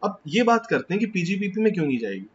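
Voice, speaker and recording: In a tax lecture, a man with an Indian accent switches between Hindi and English, raising questions only to answer them himself. He talks fast in a high, very animated voice, captured on slightly dull lo-fi audio with faint noise behind him.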